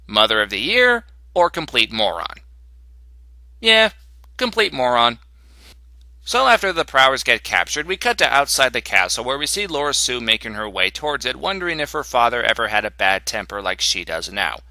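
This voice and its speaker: Male comic reviewer, sharp bright tone, dry close voice-over, sarcastic and exasperated delivery. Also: medium pitch, very animated, fairly quick, no echo. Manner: snarky, exasperated, mocking.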